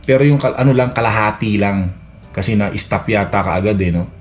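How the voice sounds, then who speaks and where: Isang lalaking vlogger na nakatira sa Canada at kaswal na nagkukuwento ng sariling karanasan, paulit-ulit na nauutal at maraming "ano". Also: male voice, fairly low pitch, brisk. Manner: rambling, many restarts and fillers, acts out quoted dialogue. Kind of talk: casual storytelling vlog. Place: Edmonton, Canada. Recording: faint music behind.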